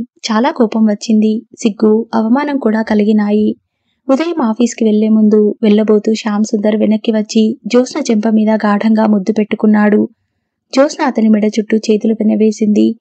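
Female audiobook narrator with a steady read, a mellow voice and a narrow range, on a muffled recording. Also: mid-range voice, no echo. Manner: even, steady reading. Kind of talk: scripted novel narration.

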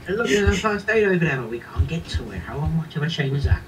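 A man's voice: a little high, very animated, quick pace, far from the mic, noisy background. A man voicing a goofy male animatronic robot who bickers and teases in an amateur toy role-play. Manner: teasing, playful banter.

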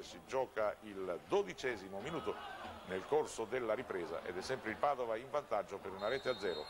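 Guy calling a football match on tv, lowish voice, pretty noisy old broadcast sound. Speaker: football commentator. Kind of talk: live TV football match commentary. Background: outdoor stadium ambience.

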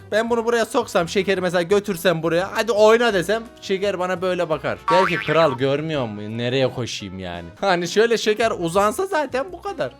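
Male reaction host, high and very lively delivery, sarcastic and incredulous, faint music underneath. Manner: incredulous, sarcastic ranting with frequent laughs. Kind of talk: comic reaction commentary.

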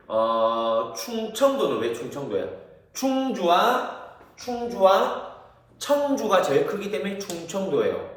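A male history teacher lecturing students, asking questions and then answering them himself. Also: on the high side. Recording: very echoey room, mic far off.

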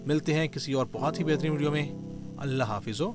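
A friendly male chef, his voice sitting a little high for a man, guides a recipe step by step in voice-over. He is warm and easygoing, and guitar music plays clearly underneath. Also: fast. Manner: friendly, step-by-step, keeps saying "perfect". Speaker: cooking show host, chef.

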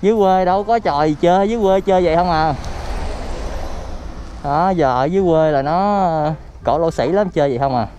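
Playful and excited, a young man with a Southern Vietnamese accent jokes, cheers and laughs frequently while vlogging his outdoor ride. His warm voice is a little high and brisk, captured on a handheld phone camera in a noisy outdoor recording.

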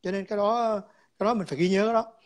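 A man's voice: high-pitched, steady tone, very fast. A man calling in to a chat, explaining his views in a rambling way, repeating words and slipping in English terms.

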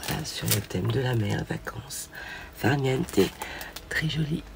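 Hoarse, gravelly older French woman. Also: very deep voice, measured pace, background noise. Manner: chatty, gushing, frequent fillers. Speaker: craft haul vlogger. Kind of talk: casual show-and-tell haul.

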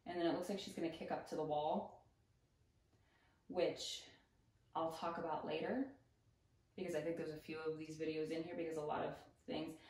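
A woman yoga instructor giving casual, explanatory commentary with gentle cautions. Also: low-pitched, fairly even intonation, normal speed, pauses often, echoey room, low-quality recording. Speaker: yoga instructor reacting to videos.

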